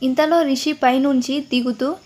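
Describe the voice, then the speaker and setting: Woman storyteller, high voice, Telugu accent, reads all the parts herself. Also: steady tone, normal speed, darkish tone. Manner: reads every character's lines in her own voice. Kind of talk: scripted story narration.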